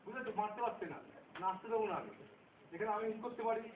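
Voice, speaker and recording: This is a man's high voice at a very fast clip, demonstrating self-defence live and regularly asking whether his students follow. Captured at a distance in a roomy space, the audio sounds phone-like and carries loud noise.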